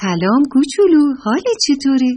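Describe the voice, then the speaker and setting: A woman's voice: sits high, sing-song, mellow, pitched above the performer's own voice. Woman voicing a mocking singsong bear. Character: teasing amused bear.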